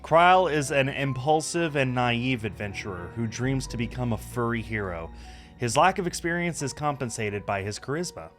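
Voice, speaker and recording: With music in the background of his indoor streaming room, a thirtysomething man hosts a game stream, commenting casually and reading on-screen text out loud. He speaks at normal speed in a mid-range, fairly bright voice.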